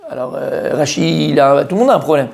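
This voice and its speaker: A man's voice: a little high, lively intonation, brisk, gravelly, a little mellow. A man, a rabbi, giving an informal Torah lesson to a live group, talking straight to his listeners and repeating key words with many fillers. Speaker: rabbi teaching a Torah class.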